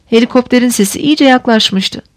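A woman reading a novel aloud in steady, measured audiobook narration. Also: on the high side, no room sound.

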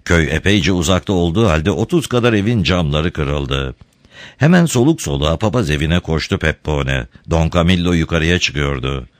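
A man with a very deep voice reads a story aloud, his pitch rising and falling with a lively, dramatic lilt. The recording is close and dry, with no echo. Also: normal speed. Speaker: narrator. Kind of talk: storybook reading.

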